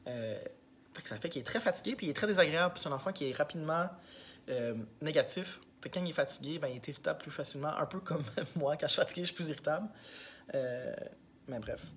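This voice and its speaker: A man's voice: fairly high pitch, fast talker, fairly bright tone, slight background noise. A male schoolteacher with a Québécois French accent, talking casually and candidly in a vlog diary, full of fillers. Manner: candid, rambling, heavy on fillers. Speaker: elementary school teacher.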